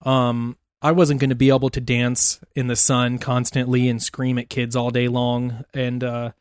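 A man guesting on a podcast, telling lively stories in casual chat. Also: mid-range voice, moderate pace, smooth, no echo, clean studio sound. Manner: animated storyteller.

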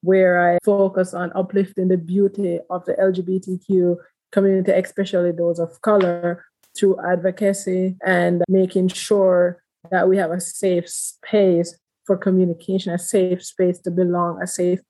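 A woman in her thirties, a community advocate speaking as a guest, earnest and steady in long, building sentences. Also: on the low side, moderate pace, low-quality recording. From Jamaica. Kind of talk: interview conversation.

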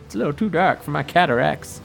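A man's voice: fairly high pitch, expressive, fast talker, gravelly, fairly bright tone, faint music behind, heavily acted. A man voicing an eccentric, cheerful old prospector wizard in a tabletop game, with an old-timer's drawl. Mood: gleeful. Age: older. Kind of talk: tabletop game character acting.

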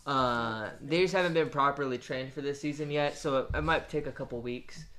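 A man running a tabletop game, answering the players with plenty of ums and pauses. His voice sits at an ordinary middle pitch, with a faint hiss of noise under it. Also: sharp tone. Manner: hesitant, with frequent ums and laughter. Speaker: game master. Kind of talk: voicing a city official in a tabletop game.

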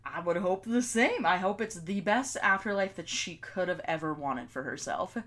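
A woman's voice: lowish voice, moderate pace, fairly bright tone. A woman chatting casually as a podcast co-host, reacting to a story.

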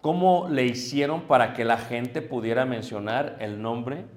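In an echoey room, a man with a medium-pitched, unhurried voice delivers a sermon that teaches his congregation. He explains things patiently and speaks to his listeners directly. He often pauses to ask "ok?" to make sure they're following.

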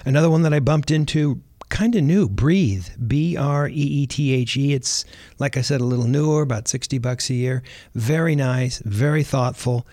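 A man hosting a podcast, talking in a relaxed, chatty way and often repeating words as he thinks. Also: mid-range voice, moderate pace, dry recording, clean studio sound. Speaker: podcast host. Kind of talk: casual podcast talk.

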